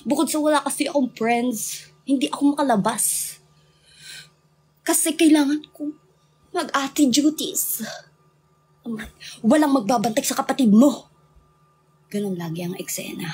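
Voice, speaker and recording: Young Filipino woman livestream host, high voice, chatty and giggly, casual storytelling. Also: unhurried, long pauses, a little mellow. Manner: chatty, laughing, mixing English into Tagalog. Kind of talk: casual chat with viewers.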